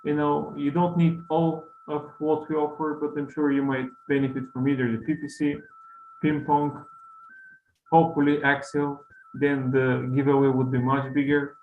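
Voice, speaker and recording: A man with a slightly high, even voice hosts a casual online event. He reads out audience questions over thin, phone-like audio with a roomy echo. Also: normal speed. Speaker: webinar host. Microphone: makeshift setup on online call. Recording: hissy, echoey, phone-like call audio.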